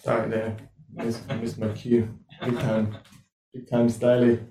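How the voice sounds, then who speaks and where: Man, halting casual remarks, distant and echoey. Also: mid-range voice, flat delivery, background noise.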